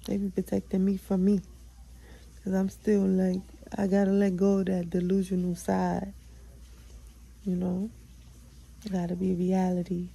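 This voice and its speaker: A woman's voice: medium pitch, monotone, unhurried, gravelly, pauses often, warm tone, slightly rough, rough recording. A young woman hosting her own podcast, chatting casually and candidly about her day, swearing freely and hyping herself up. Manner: chatty, candid, profane, self-affirming. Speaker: podcast host. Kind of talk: casual solo vlog chat.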